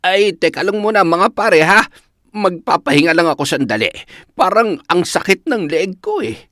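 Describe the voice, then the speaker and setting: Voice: mid-range voice, sing-song, moderate pace, fairly bright tone, no echo. Actor doing a frantic young man in agony, wailing for help, voice leaping all over, dry close sound. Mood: weary. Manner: panicked, sobbing cries for help. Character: terrified young male farmhand, cursed.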